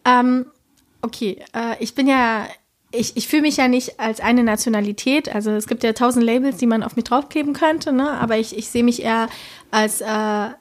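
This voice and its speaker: Woman artist from chile chatting in an interview, voice a bit high, lots of "ne?" and umm while she thinks. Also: steady tone, moderate pace. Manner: reflective, many fillers and trailing "ne?". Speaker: painter, muralist guest. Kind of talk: casual interview conversation.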